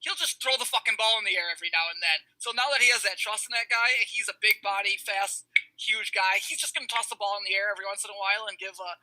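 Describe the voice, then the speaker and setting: A man's voice: sits high, fast talker, bright, forceful tone, low-quality recording. A man co-hosting a sports podcast, talking crude and cocky with plenty of swearing. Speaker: podcast co-host. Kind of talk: casual sports podcast banter.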